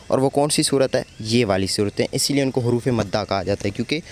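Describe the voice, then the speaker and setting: A man's voice: mid-range voice, a little hiss or hum. A man teaching a lecture on Arabic grammar terms, often asking a question and answering it himself while he repeats the key words. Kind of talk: explanatory lecture.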